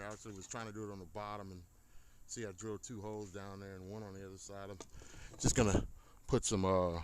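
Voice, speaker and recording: An American hobby kayak fisherman with a lowish voice shows off his gear in a casual, unscripted walkthrough, rambling in a folksy, informal way. He records on a handheld tablet that moves nearer and farther, so the noisy audio shifts with distance.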